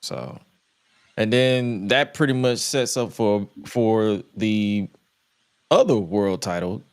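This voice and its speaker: A man's voice: on the low side, slow pace, darkish tone, clear, resonant tone. A man co-hosting a casual wrestling talk, blunt, emphatic and given to swearing. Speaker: wrestling podcast co-host. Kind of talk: casual chat, opinionated commentary.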